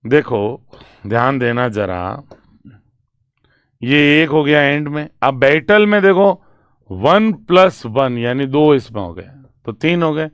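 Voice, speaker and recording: Male literature tutor, clear, crisp voice, dry close sound, slow and deliberate, quizzing students as he writes on the board. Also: mid-range voice, lively intonation, dry recording. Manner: reads English lines slowly and emphatically, then explains in Hindi; asks students check questions, writes on a board. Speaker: English literature teacher. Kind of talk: exam-prep poetry lecture mixing Hindi and English.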